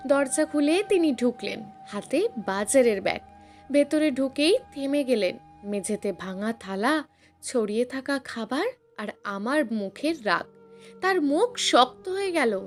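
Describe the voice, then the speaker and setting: A woman storyteller reading a scripted first-person family drama in an earnest, emotional way. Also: high-pitched. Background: soft background music.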